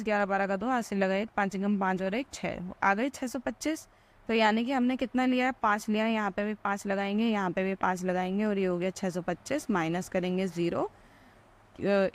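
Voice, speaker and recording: A woman teaching maths, asking questions and answering them herself as she explains each step. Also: medium pitch.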